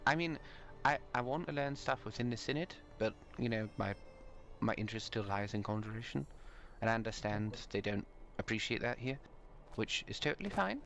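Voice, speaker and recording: A man's voice: mid-range voice, animated, a little fast, a bit bright, a little hiss or hum. A man chatting casually in character in an online role-play, earnest and a little hesitant.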